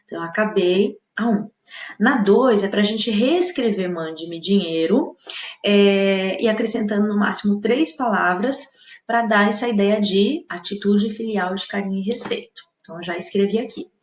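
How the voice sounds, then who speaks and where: A woman's voice: mid-range voice, normal speed, reverberant. A woman teaching an exam-prep lesson with a Brazilian Portuguese accent, explaining patiently and often checking in with the viewer.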